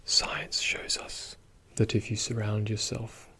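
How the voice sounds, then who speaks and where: Slow, soft-spoken man giving whispered ASMR pep talk. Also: lowish voice, monotone, creaky, breathy edge. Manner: soothing, reassuring, slow and deliberate with pauses. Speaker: ASMR video host.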